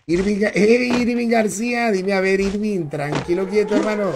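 A man's voice: high-pitched, moderate pace, over music. A man streaming a game, chatting casually and greeting his viewers by name in a friendly, slangy way. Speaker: gaming streamer. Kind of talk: casual live-stream chat while gaming. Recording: clear background noise with clicks.

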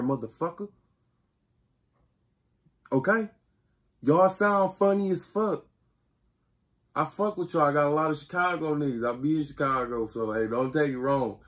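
A young man hosting a reaction video, talking casually in slang, excitable and often checking in with his listeners. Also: a little high, normal speed, long pauses. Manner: slangy, excitable, keeps asking "you feel me".

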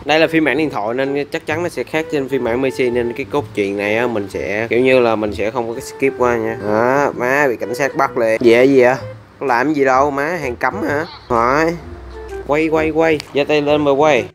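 A man giving casual gameplay commentary, excitable and reacting loudly to the game with frequent swearing and laughter. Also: medium pitch, moderate pace, music in the background. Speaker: gaming channel host.

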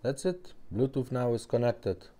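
This presenter of a car radio repair shop demo has a warm, medium-pitched voice with lively intonation and talks at a normal speed. Working indoors at a tabletop, he casually shows the product and explains each step in plain English that isn't his first language.

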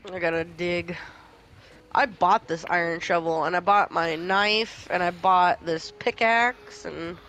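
A woman's voice: lowish voice, fairly even intonation, a little slow, a bit bright, a little hiss or hum, rough recording. A woman chatting casually while streaming a game, talkative and profane, ranting about small annoyances. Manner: chatty, swears freely, ranting complaints. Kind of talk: casual chat while gaming.

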